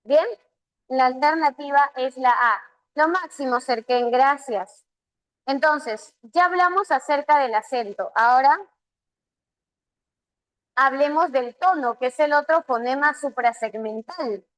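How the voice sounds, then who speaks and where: A Peruvian Spanish woman teaching a language class online, her voice high and her pace unhurried. She walks through exam answers patiently, quizzing her students and voicing their replies back to them. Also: poor audio.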